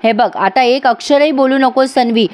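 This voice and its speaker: A woman's voice: high-pitched, moderate pace, a little mellow, natural voice. A woman voicing an exasperated middle-aged mother scolding a liar.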